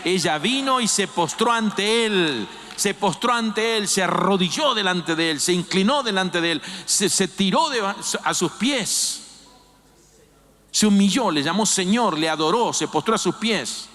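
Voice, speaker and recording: An older man preaching a sermon as a pastor, animated and acting out quoted voices. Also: high-pitched, measured pace. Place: church. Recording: long hall reverb.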